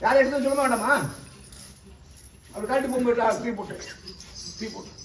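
A man from Tamil Nadu, a temple priest performing an exorcism, scolding and commanding the spirit, often shouting. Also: extremely high pitch, steady tone, fast talker. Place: temple, outdoors or open hall. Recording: echoey, distant mic, noisy.

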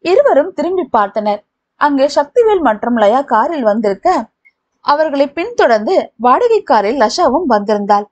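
A woman narrating a novel as an audiobook reader, with expressive storytelling. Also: high-pitched, moderate pace, no echo, lo-fi sound.

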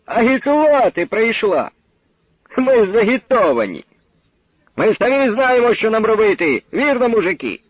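A man voicing a thin, shifty deserter who jeers and shouts at a speaker. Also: sits high, big pitch swings, normal speed, slightly rough, dry recording, narrow, tinny audio, voice pushed up, exaggerated voice. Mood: jeering. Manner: jeering, shouting.

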